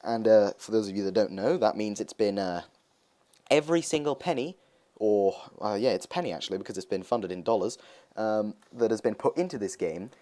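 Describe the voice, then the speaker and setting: A young man with a lowish, warm voice hosts his gaming video, chatting casually over the gameplay footage. He rambles along with plenty of hesitations.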